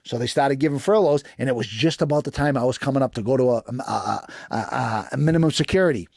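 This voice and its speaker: A man's voice: medium pitch, quick pace, creaky, no room sound, studio quality. A middle-aged man with a Boston accent telling long stories in a podcast interview, acting out other people's lines with fillers along the way. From East Boston, USA. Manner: animated storyteller acting out dialogue, frequent fillers. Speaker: guest, former prisoner.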